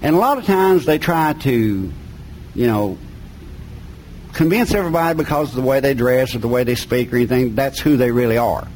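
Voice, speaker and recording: A man's voice: mid-range voice, animated, normal speed, darkish tone, a little hiss or hum, rough recording. A middle-aged man from the North Carolina mountains with an Appalachian accent, preaching a sermon and reading scripture in a folksy, plain-spoken way with colloquial grammar. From mountains of North Carolina, USA.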